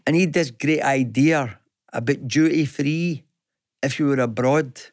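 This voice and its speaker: A man's voice: medium pitch, a little slow, no echo, studio quality. Chatty Scottish man on business radio. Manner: conversational, hesitant, many restarts. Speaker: radio show co-host. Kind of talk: business talk radio chat. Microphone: studio microphone.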